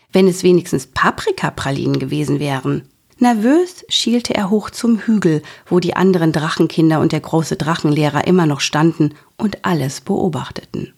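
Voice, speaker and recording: Husky woman reading a children's story. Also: low voice. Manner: lively, expressive storytelling. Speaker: narrator. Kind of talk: children's audiobook narration.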